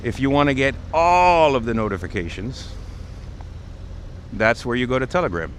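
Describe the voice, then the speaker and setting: A man of medium pitch and normal speaking speed hosts a casual livestream outdoors in the city. He explains things conversationally as street noise, passing cars, and general urban ambience carry on around him.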